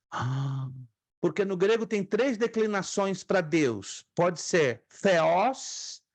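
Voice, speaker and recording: A man's voice: high voice, no echo. A man teaching a theology class as a pastor, patiently drilling Greek pronunciation and repeating key points. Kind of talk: online Greek lesson.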